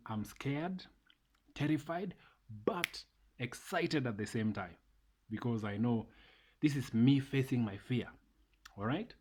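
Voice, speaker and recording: Husky man, casual vlog. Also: medium pitch, darkish tone. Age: 30s. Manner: repeats phrases, mixes in Swahili. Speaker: vlogger.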